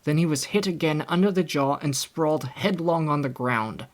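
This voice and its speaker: A young man reading a classic novel aloud in scripted audiobook narration, with a steady storytelling delivery. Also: fairly high pitch, moderate pace. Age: young adult. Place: home recording setup.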